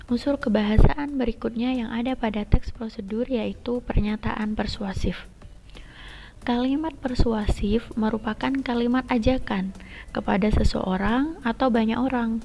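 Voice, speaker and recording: A woman teacher explaining a lesson step by step and addressing her students directly, her voice often trailing into a soft whisper. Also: on the high side, steady tone, normal speed, gravelly, slight background noise. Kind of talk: recorded classroom lesson. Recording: lo-fi dull recording.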